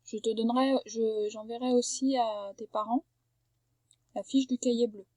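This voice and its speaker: A woman teaching a young child to read, patient and clear, slowly drawing out words so each sound can be heard. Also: a little high, fairly even intonation, dark tone, dry recording. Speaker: primary school teacher. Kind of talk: remote reading lesson for a young child. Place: at home.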